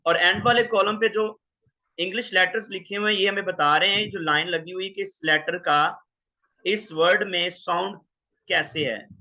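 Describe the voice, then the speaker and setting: A man teaching the Greek alphabet in an online class, slowly sounding out each letter. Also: sits high, fairly even intonation, sharp tone. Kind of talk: online lecture. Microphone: video call. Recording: dull lo-fi online class audio.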